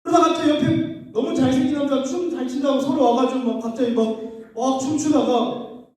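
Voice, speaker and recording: A man's voice: very high-pitched, fairly even intonation, brisk, darkish tone. A male pastor at a youth retreat, telling stories in a playful way, acting out scenes and leading call-and-response with young listeners. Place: church hall at a youth retreat. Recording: echoey hall, mic at a distance.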